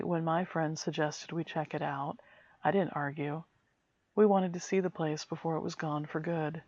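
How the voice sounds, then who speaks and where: A woman narrating a scripted scary story in a hushed, suspenseful way, full of quiet dread. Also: sits low, muffled recording. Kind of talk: scripted first-person horror story narration.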